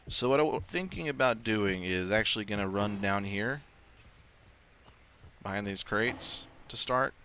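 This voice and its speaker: Guy doing casual let's play, bright punchy voice, thinks out loud, faint game sounds. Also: lowish voice, a little hiss or hum. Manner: thinking aloud, offhand swearing. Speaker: gaming video host. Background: video game ambience.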